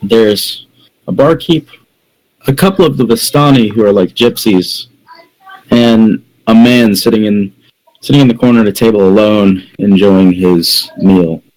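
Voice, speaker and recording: A man's voice: fairly low pitch, measured pace, darkish tone, rough recording. A man narrating a tabletop game as game master, rambling with lots of restarts. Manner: rambling, many fillers and restarts.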